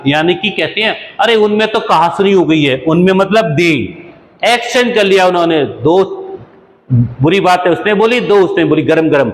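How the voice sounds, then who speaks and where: A man with a high voice and an Indian English accent teaches English expressions. He reads each English sentence slowly and deliberately, as if dictating. His voice rings in an echoey room with a long reverb tail. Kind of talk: spoken English lesson in Hindi.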